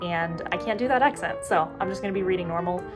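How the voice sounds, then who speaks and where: A woman's voice: on the low side, fast talker. Chatty American woman over background music. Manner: chatty, rambling, self-correcting. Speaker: indie author. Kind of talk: casual chat to camera.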